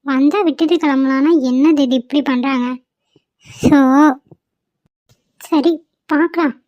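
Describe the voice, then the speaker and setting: A woman's voice: sits high, steady tone, unhurried, darkish tone, no room sound. A woman voicing a worried young student who murmurs to herself, in a cartoon. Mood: fretful. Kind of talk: cartoon voice acting.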